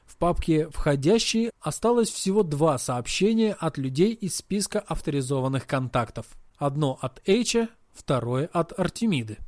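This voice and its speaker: A male audiobook narrator tells a first-person story. His voice sits a little high and moves expressively, and the recording is close and dry. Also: moderate pace, no room sound. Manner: steady storytelling.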